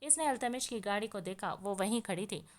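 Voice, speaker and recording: A woman reading a romance novel aloud with expressive storytelling. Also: mid-range voice, fairly quick. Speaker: audiobook narrator.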